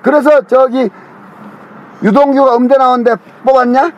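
A man's voice: very high voice, fairly even intonation, moderate pace, slight background noise, pitched above the performer's own voice. A middle-aged man on a phone call quoting his angry wife, raising his voice to scold and reproach.

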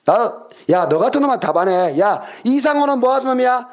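Man, very high pitched, combative, foul-mouthed, hectoring. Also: very animated, fairly quick. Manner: aggressive, cursing and hectoring. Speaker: caller in a heated argument. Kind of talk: angry phone argument.

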